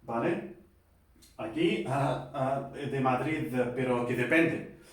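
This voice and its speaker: Man, unhurried casual teacher, heavy room echo, distant mic. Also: medium pitch. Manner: relaxed and chatty, checks in with "¿vale?" and repeats sounds slowly. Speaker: language teacher. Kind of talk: casual video lesson on pronunciation.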